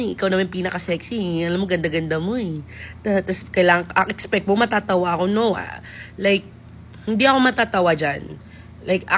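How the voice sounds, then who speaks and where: A woman's voice: mid-range voice, a bit bright. A woman vlogger with a mid-range voice, chatting to camera in Tagalog mixed with English. She sounds sassy and exasperated and slips into a teasing mock voice. A faint noise sits under the recording. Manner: Taglish code-switching, sassy and exasperated; mocks men's lines in a teasing voice. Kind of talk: casual talk to camera.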